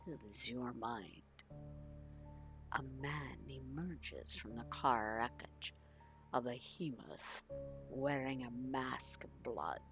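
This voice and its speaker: Low, slow woman narrating a story. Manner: often drops to a whisper, swells loud for action. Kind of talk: second-person story narration.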